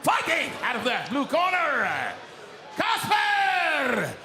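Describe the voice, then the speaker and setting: A man announcing fighters into the arena with long, drawn-out booming calls. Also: big pitch swings, gravelly. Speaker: ring announcer. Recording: echoey arena with loud crowd. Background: roaring crowd and noise.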